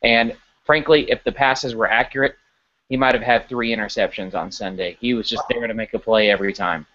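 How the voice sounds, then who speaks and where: A man co-hosting a sports podcast, breaking down a football game in casual, animated talk with frequent restarts. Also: medium pitch, a little fast, muffled recording. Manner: animated, stumbling restarts while analyzing. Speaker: podcast co-host.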